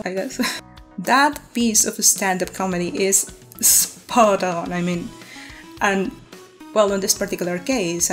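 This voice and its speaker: A woman artist narrating her art video in an easygoing, laid-back voice-over, full of fillers. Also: mid-range voice. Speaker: artist vlogger.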